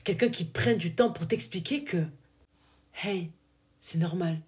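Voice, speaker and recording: A young woman with a southern French accent hosts a casual solo podcast, chatting with lots of fillers and laughing at herself. Her voice is on the low side, a little slow and a little mellow.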